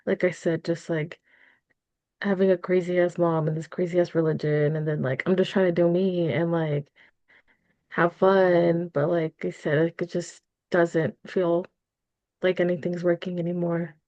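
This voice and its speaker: A woman's voice: lowish voice, little pitch movement, normal speed, a little mellow, no room sound. A woman talking informally and a bit hesitantly as the client in a therapy role-play, with lots of filler words, on a slightly muffled recording. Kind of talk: casual, unscripted conversation.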